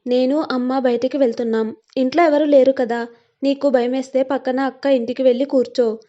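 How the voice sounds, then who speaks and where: A woman voicing a gentle, loving middle-aged father who reassures his daughter, in a storybook reading. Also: sits high, steady tone, fairly quick, highs cut off, close to an everyday voice. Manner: soothing, reassuring.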